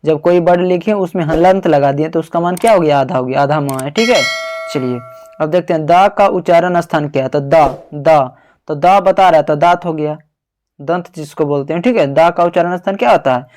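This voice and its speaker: A man's voice: on the high side, a little fast, darkish tone. A man teaching an exam-prep grammar lesson, asking a question and then repeating the answer, calling the student "babu" and sounding out syllables.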